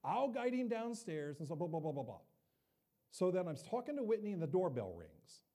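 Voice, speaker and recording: Lively, mellow-voiced man preaching. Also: high voice, normal speed. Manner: conversational, humorous, acts out quoted voices. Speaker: pastor. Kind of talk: sermon with personal storytelling.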